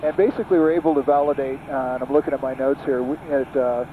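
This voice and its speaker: A middle-aged man with a voice of ordinary pitch talks casually through a headset boom mic in the cockpit of a small plane in flight. He reviews the aircraft thoughtfully and often restarts his sentences. A loud engine drone runs steadily underneath his voice. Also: steady tone, fast, phone-quality sound, background noise. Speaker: aviation magazine reviewer.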